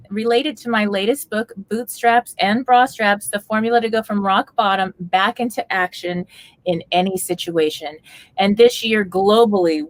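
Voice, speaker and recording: A woman hosting a radio interview show, reading an upbeat introduction and asking her guest questions. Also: fairly high pitch.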